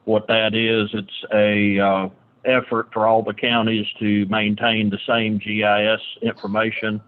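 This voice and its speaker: A man's voice: fairly low pitch, level tone, measured pace. A man calling into a county board meeting by phone, giving a plain, matter-of-fact report while his line breaks up and stutters. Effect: phone line breaking up, choppy and stuttering. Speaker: county official on a phone call. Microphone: phone call.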